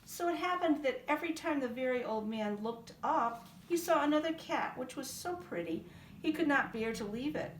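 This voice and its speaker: A woman reading a children's picture book aloud in a sing-song, expressive way. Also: high-pitched, normal speed, a little hiss or hum. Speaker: storybook reader. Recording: roomy echo, from a distance.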